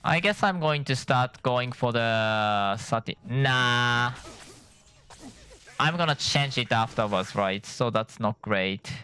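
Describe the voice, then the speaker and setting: Man, gameplay commentary, sleepy, rambling, self-correcting, bright tone. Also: medium pitch, animated, slow pace, clean tone. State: tired from lack of sleep. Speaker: gameplay streamer.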